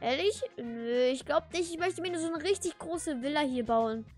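A woman voicing an excitable, whiny thirteen-year-old boy who talks in exclamatory slang in a Minecraft role-play video. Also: sits high, moderate pace, over music, lightly acted. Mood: indignant, slangy.

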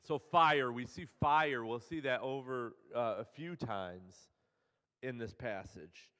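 A man's voice: medium pitch, slow pace, pushed and bright. A man preaching a sermon as pastor, retelling the story in a casual, conversational way. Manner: casual storytelling, paraphrasing characters in everyday speech. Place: church sanctuary. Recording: church hall with long reverb.

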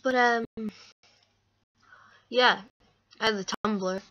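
Speaking extremely slowly into a nearby webcam or laptop microphone, a young woman vlogger rambles in a casual, self-deprecating way from a small, dim room. Her crackly voice is fairly high, steady and fairly bright, in a recording with no echo and the highs cut off.

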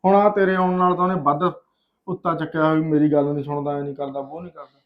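A man's voice: fairly high pitch, level tone, fast talker, narrow, tinny audio, close to an everyday voice. A man playing a harried Punjabi husband. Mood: consoling. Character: harried husband and caring older brother. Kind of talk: comic family drama acting.

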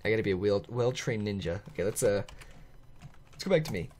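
A man narrating his video game play to viewers in an excitable, chatty way, laughing often and reacting out loud. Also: fairly low pitch, fast talker. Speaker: gaming channel host. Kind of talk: let's play commentary.

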